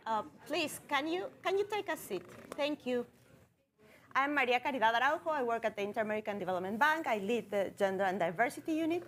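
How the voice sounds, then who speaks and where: Woman moderating a conference panel. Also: fairly high pitch. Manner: formal, with frequent fillers. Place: conference room.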